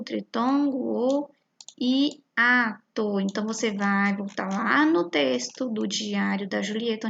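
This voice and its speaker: A Brazilian woman with a slightly high, gravelly voice talks a young class through a worksheet. She is patient, breaks words into syllables slowly and keeps checking in with the children. The sound is a dull, lo-fi recording. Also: a bit bright. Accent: Brazilian Portuguese. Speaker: primary school teacher.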